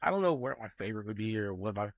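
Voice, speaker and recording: Casting: quick-talking male co-host, mid pitch, dry close mic, laughs often. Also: lively intonation, vocal fry, no room sound. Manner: quick, laughing, swearing casually. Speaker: podcast co-host. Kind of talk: casual chat.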